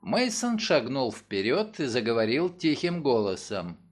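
A man reading a courtroom story aloud in expressive scripted narration. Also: medium pitch, a little slow. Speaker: audiobook narrator.

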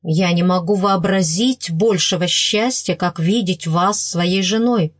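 A woman voicing an earnest middle-aged man from a storybook, who proposes marriage with slow, pleading insistence. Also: fairly low pitch, slightly rough, no room sound, studio quality.

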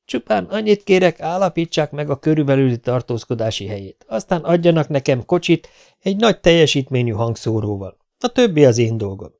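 A man's voice: fairly high pitch, lively intonation, vocal fry, a little mellow, pitched above the performer's own voice. A man voicing an earnest, determined lieutenant.

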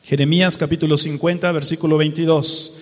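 A man's voice: on the high side, flat delivery, brisk, long reverb tail. A Mexican man preaching a sermon, colloquial, throwing rhetorical questions at the congregation. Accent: Mexican Spanish.

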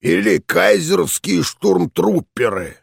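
A man voicing a gruff old veteran general in an audiobook, hoarse and blustering. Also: medium pitch, big pitch swings, slow pace, no room sound, clean studio sound, heavily acted. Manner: blustering, shouting. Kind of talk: audiobook character voice.

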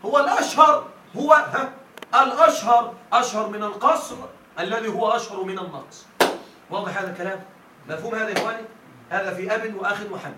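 A man teaching a grammar lesson to a class, often checking whether his students follow and drawing out quoted verses slowly. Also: high voice, sharp tone. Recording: echoey room from a distance with faint noise.

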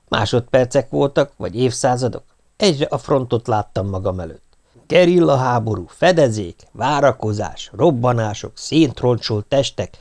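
A man's voice: medium pitch, a little mellow. A man reading a humorous first-person audiobook with a wry, dry delivery. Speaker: audiobook reader.

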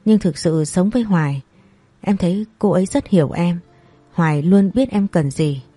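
A woman's voice: lowish voice, lively intonation, normal speed, mellow, slightly rough, no echo, soft background music. A woman voicing a troubled married man who talks in a plain, reassuring way.

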